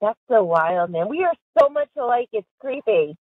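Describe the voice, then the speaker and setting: A woman's voice: fairly high pitch, animated, normal speed, slightly rough, no echo. A woman chatting on a recorded prison phone call, giggly and full of fillers like "like". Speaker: caller to an inmate. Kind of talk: casual phone chat. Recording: tinny, dry phone line.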